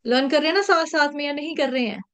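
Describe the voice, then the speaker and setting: A woman teaching an online class, patiently drilling the pronunciation of a verse and repeating syllables slowly. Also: sits high, fairly bright tone. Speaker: Sanskrit verse recitation teacher. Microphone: video call.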